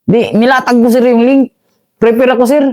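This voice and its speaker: Halting soldier telling a war story, dry close sound. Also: male voice, very high voice, flat delivery, darkish tone, no room sound. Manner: halting, addresses the host as "sir" constantly. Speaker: army veteran guest recounting combat. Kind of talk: casual interview storytelling.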